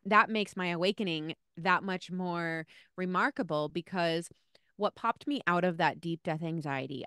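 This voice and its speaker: A woman in her thirties telling a personal story as an interview guest, earnest and animated, on a close mic over a video call. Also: fairly low pitch, smooth, dry recording. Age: 30s. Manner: earnest, animated hand gestures. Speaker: guest, spiritual teacher and author. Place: home room, video call. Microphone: handheld-style mic on stand, close.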